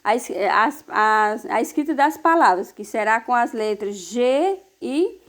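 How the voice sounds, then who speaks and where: A woman teaching a recorded lesson to young children. Her voice sits a little high, and she explains each step patiently, often pausing to check in with a quick tag question. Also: animated. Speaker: primary school teacher. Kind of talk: recorded remote class lesson.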